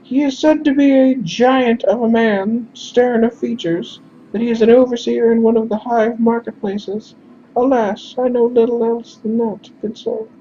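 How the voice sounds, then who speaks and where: A man voicing a high-voiced, anxious and overly courteous male messenger in a game, in a dull lo-fi recording with faint hiss. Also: steady tone, unhurried, warm tone. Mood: pleading courtesy.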